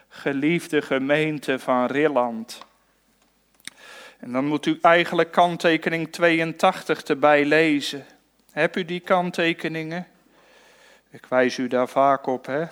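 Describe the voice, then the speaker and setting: A man delivers a sermon. He speaks very slowly and earnestly, pressing his listeners with rhetorical questions. His voice is fairly high for a man and clear and resonant. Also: fairly bright tone. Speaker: pastor. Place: church.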